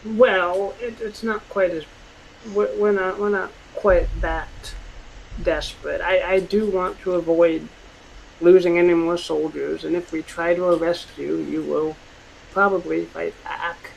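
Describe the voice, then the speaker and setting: A man improvising narration and dialogue as a tabletop game master, halting and searching for words as he goes. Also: high-pitched, fairly even intonation, creaky, a little hiss or hum, low-quality recording.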